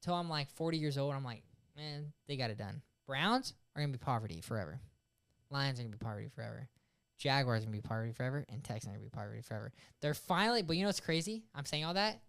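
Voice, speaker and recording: A man's voice: mid-range voice, animated, very fast, fairly bright tone, clear, resonant tone. A man in his twenties co-hosting a casual sports podcast, brash and argumentative, swearing often. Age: 20s. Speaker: podcast co-host.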